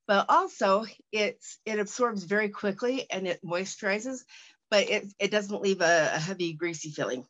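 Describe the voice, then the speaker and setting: A woman chatting through a casual unboxing at a middling pitch, rambling along with plenty of fillers and restarts. She stumbles a little when reading product copy aloud. The recording sounds slightly dull and muffled. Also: fairly bright tone. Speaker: product reviewer.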